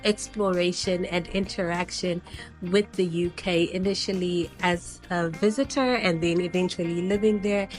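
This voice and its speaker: Speaking at a normal speed in a steady, lowish voice, a Zimbabwean woman around thirty vlogs about travel, chatting casually to camera and rambling with frequent ums. Soft music plays in the background, and she records on a new personal microphone set.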